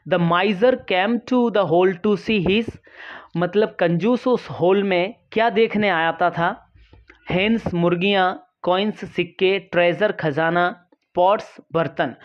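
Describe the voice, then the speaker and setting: Slow, patient woman teacher. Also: lowish voice, lo-fi sound. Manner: slow, patient, reads English lines then explains them. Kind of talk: explaining a textbook lesson.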